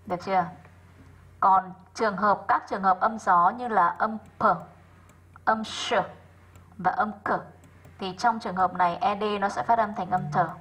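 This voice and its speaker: A woman English teacher, going through worksheet answers in an online class, slowing down to sound out each example word and calling on students by name. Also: medium pitch, fairly even intonation, fairly bright tone, slightly rough, low-quality recording. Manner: methodical, slows down to sound out example words.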